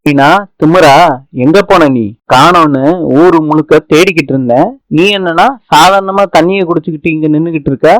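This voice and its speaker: A man's voice: a little high, fairly quick, dry recording, close to an everyday voice, poor audio. A man voicing an anxious young husband who pleads with emotion, read in a TV serial recap. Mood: worried. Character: anxious young husband searching for his wife.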